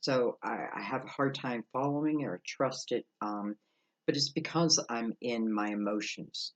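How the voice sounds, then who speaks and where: A man giving an unscripted, mystical horoscope tarot reading, musing aloud with halting pauses and rhetorical questions. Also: medium pitch, lo-fi sound. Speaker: tarot card reader.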